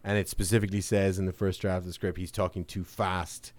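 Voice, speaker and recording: A man's voice: low voice, flat delivery, a little fast. A man hosting a podcast in casual chat, rambling and self-deprecating, prone to tangents. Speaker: podcast host.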